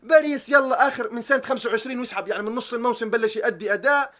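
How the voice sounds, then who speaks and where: In a very high-pitched, fairly bright voice, a young man fires off a football reaction rant at great speed. The vlogger is animated and excited, swearing oaths and making fun of tactics talk.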